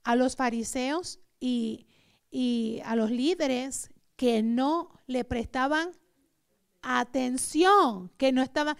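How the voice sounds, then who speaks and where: Preaching a Pentecostal sermon, a woman pastor with a high, creaky voice poses rhetorical questions to the congregation. Her delivery swings between loud emphasis and soft asides.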